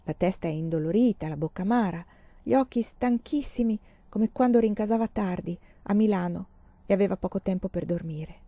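A woman reads literary fiction aloud, measured and expressive, with a mellow, darkish tone. The sound is dry and close, with a slightly muffled top end. Her pitch sits in an ordinary middle range. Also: dry recording. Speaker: audiobook reader. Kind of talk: literary audiobook narration.

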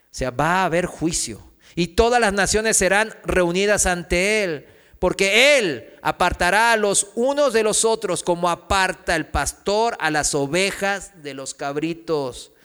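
A male preacher teaches from scripture in a high, bright voice. He quizzes his congregation with questions and answers them himself. His voice rings out through a hall with long reverb. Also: clear, resonant tone. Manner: reads scripture aloud, raising his voice for quoted cries. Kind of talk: sermon teaching.

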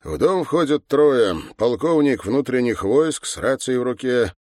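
A man narrating an audiobook in a matter-of-fact, measured way. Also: medium pitch, animated, darkish tone, no room sound, studio quality.

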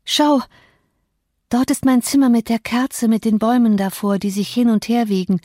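A woman's voice: fairly high pitch, moderate pace, warm tone, no echo, studio quality, pitched above the performer's own voice, lightly acted. A woman voicing a feverish, delirious young woman who speaks in a raised, exalted, pleading way. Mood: delirious yearning.

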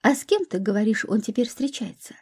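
A woman's voice: a little high, expressive, fairly quick, darkish tone, breathy edge. A woman voicing a caring, protective young woman in a storybook reading, speaking earnestly. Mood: firm.

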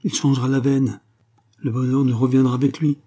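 A man's voice: medium pitch, normal speed, dark tone, slightly rough, close to an everyday voice. A man reading a novel aloud and voicing a fervent, pleading young pregnant woman. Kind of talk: audiobook reading.

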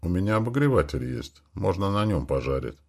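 A man's voice: low-pitched, big pitch swings, fairly quick, a little mellow, exaggerated voice. A man voicing a practical, stubborn young woman space traveler who answers bluntly. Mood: uncertain.

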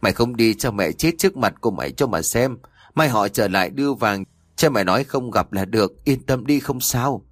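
A man's voice: mid-range voice, animated, normal speed, dry recording, lightly acted. A man reading the lines of a frightened, tearful old mother. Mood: anxious. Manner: anxious.

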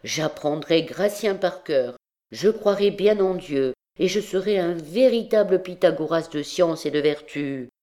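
A woman's voice: on the low side, expressive, a little slow. A woman reading an audiobook, voicing a brash, mocking young male student who pleads and jokes theatrically. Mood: pleading. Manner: pleading then cheeky, loud and theatrical. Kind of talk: audiobook reading of a classic novel.

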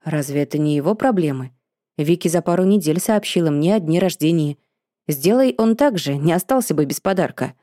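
A woman's voice: low voice, lively intonation, fairly quick, warm tone, no echo. A woman voicing a laid-back, sarcastic young man in an audiobook, speaking in a dry, teasing way.

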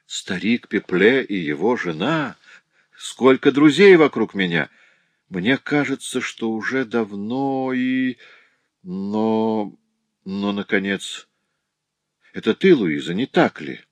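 Man voicing a dazed old father, halting quiet voice, lowish, dry audiobook sound. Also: big pitch swings, no echo, heavily acted. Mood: wondering. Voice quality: quiet, faltering, broken.

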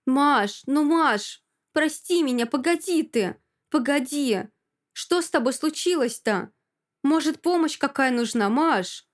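A woman's voice: fairly high pitch, normal speed, few pauses, close to an everyday voice. Woman voicing a weak, flustered young fiancé in an audiobook, pleading, faltering.

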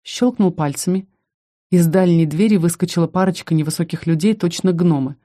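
A woman narrating a first-person audiobook with expressive storytelling. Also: on the low side, fairly quick.

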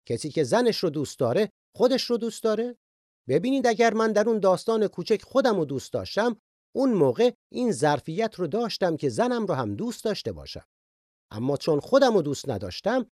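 Man, fairly high voice, earnest and reflective Bible teaching, dry studio mic. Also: darkish tone, no room sound. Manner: earnest and reflective, shares personal stories. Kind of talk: sermon-style Bible teaching.

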